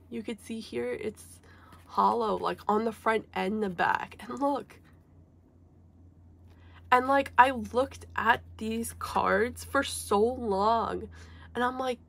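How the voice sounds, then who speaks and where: Young woman, sick and a bit croaky, chatty vlogger, says like a lot, takes her time. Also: medium pitch, a bit bright. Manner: chatty, many fillers like "like" and "um". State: sick, voice a little off. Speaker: K-pop collector vlogger. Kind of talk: casual unboxing chat.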